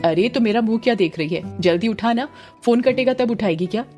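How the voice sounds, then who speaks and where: A woman's voice: a little high, brisk, darkish tone, soft background music, lightly acted. A woman voicing a harsh, scheming middle-aged mother who scolds and orders her daughter about. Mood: scolding. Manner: scolding, commanding.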